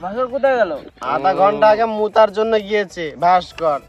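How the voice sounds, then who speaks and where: An exasperated drinking buddy , acted by a man, nagging in coarse slang in a comedy sketch. His voice is very high for a man, and music plays clearly behind it. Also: lively intonation, a little fast, lo-fi sound. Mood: grumbling.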